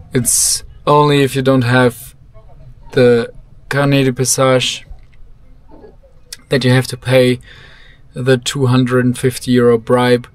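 A young adult man, a native German speaker with a medium-pitched voice, travel-vlogs to a handheld camera held at arm's length. He chats in a relaxed, calm, matter-of-fact way, speaking from inside a vehicle and outdoors at a border.

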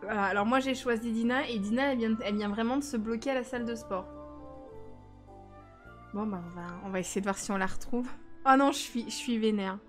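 A woman's voice: fairly high pitch, a little fast, faint music behind. A woman streaming a life-sim game, chatting casually and teasing her viewers. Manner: chatty, teasing, talks back to chat.

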